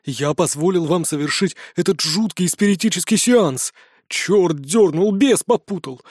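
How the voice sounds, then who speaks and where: A man's voice: sits high, unhurried, a little mellow, dry recording, studio quality. Man voicing a fretful nobleman father. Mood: remorseful. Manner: fretful, self-reproaching. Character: flustered middle-aged nobleman father, remorseful.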